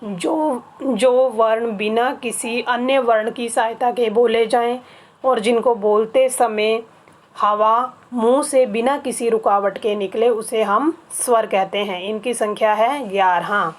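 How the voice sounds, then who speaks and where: A woman's voice: fairly high pitch, steady tone. A woman teaching a grammar lesson to children, explaining patiently and repeating each item one by one. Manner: patient, spells things out slowly with repetition.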